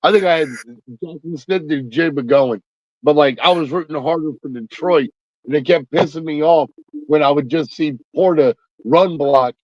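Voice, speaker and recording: A man's voice: on the high side, normal speed, no room sound, highs cut off. A man co-hosting a casual fantasy football podcast, rambling with lots of fillers, swearing casually and getting worked up. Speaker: podcast co-host.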